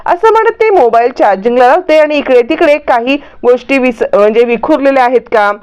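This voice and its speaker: A woman dramatically retelling a TV serial episode as a storyteller, lively and dramatic. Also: high-pitched, a little fast, clean tone, muffled recording.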